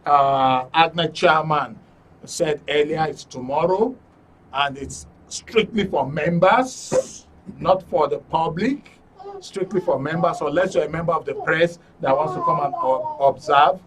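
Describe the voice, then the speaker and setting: A man with a Nigerian accent hosts a live phone-in programme as a radio and TV host, polite and formal, repeating phrases for emphasis. His voice is a little high and fairly bright, at a measured pace, with slight background noise.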